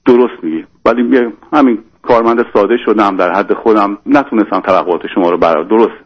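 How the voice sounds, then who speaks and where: A man calling in to a radio show, telling a long personal story and acting out the quoted lines in a raised voice. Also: breathy edge. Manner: rambling, acts out quoted lines in a higher voice. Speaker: caller. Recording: dull lo-fi radio sound.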